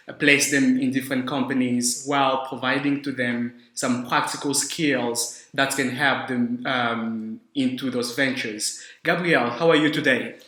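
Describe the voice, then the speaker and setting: A young adult man hosts a business podcast interview, speaking with many fillers and repeated words. His mid-range voice is bright and forceful, and the room sounds echoey.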